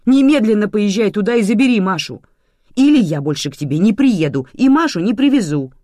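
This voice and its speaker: A woman voicing an angry, bedridden adult daughter in an audiobook, shrill and indignant. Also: sing-song, normal speed, darkish tone, dry recording, studio quality. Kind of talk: audiobook reading.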